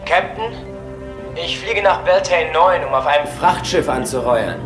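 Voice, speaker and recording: A man's voice: fairly high pitch, lively intonation, a little slow, echoey room, music in the background. A young man playing a runaway shuttle pilot, heard over a ship's communicator and sounding shaky and pleading. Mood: resigned. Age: young adult. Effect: voice over a ship-to-shuttle communicator. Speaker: dubbed young man in a sci-fi series.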